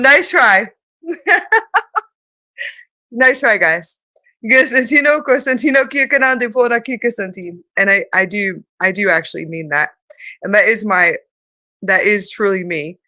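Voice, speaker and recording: Unhurried and sharp in tone, a medium-pitched woman channels in light language as a spiritual channeler. Between casual comments she chants rhythmic, flowing syllables, and her voice comes across as altered and strained.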